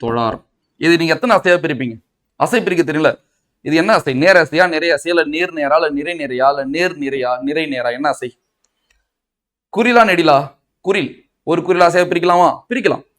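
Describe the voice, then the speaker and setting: A man's voice: on the high side, expressive, normal speed, a bit bright. A man with a Tamil Nadu accent teaching a grammar class for exam students, asking and answering his own questions. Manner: asks and answers his own questions, mixing in English words. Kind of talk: exam coaching lecture.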